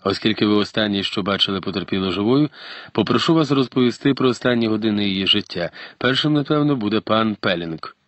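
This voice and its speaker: A man reading an audiobook, voicing a composed police inspector who speaks in a calm, official manner. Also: lowish voice, fast talker, no echo. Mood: formal. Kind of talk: audiobook character voice.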